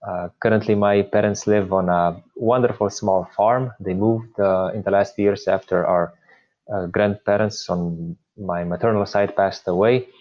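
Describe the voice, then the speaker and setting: Slovenian-accented male priest, interview guest, halting delivery, muffled remote sound. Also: on the low side, steady tone. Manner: hesitant, many filler pauses. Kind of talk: interview conversation.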